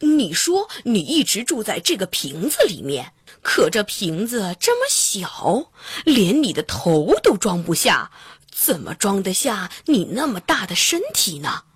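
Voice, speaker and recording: A woman voicing a clever, stubborn male fisherman in a storybook, with a husky, lowered voice and a wary, determined manner. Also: huge pitch swings, unhurried, no echo, studio quality, exaggerated voice. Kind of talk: storybook character voice.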